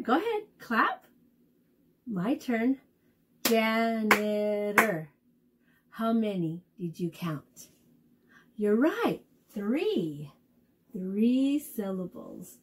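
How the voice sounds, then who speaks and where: A woman teaching young children at circle time, speaking in a slow, encouraging, sing-song way as she sounds out letters and claps syllables. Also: medium pitch, very animated, slight background noise. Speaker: preschool teacher.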